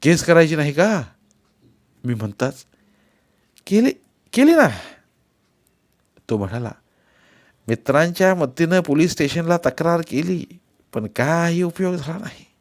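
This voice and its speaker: A man narrating a novel as an audiobook, giving the characters' dialogue raised, forceful delivery. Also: expressive, moderate pace. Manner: voices characters with rising pitch and force in dialogue. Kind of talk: dramatic audiobook reading.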